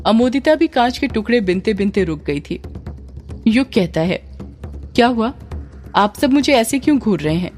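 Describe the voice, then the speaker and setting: Woman storyteller, steady scripted narration, soft music bed. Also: medium pitch.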